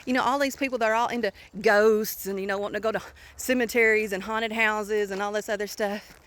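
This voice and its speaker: A woman's voice: mid-range voice, fairly even intonation, brisk, fairly bright tone. A woman who leads a ministry and writes books, telling viewers a story in an earnest, emphatic, casual way, restarting often. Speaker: ministry leader and author.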